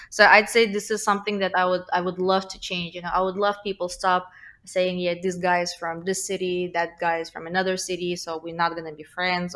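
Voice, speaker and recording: A young adult woman with a slight Russian accent is a guest in a casual interview, talking thoughtfully. Her voice is mid-range and fairly bright, and her speech is full of fillers and restarts.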